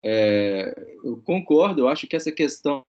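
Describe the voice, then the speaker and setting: A man's voice: mid-range voice, animated, moderate pace, a little mellow. A male professor with a Brazilian Portuguese accent, talking casually in an online class discussion while his call audio keeps breaking up. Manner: casual, agreeing, checks if heard. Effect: choppy video call audio breaking up. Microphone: computer mic on a video call. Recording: dull lo-fi call audio, cutting out.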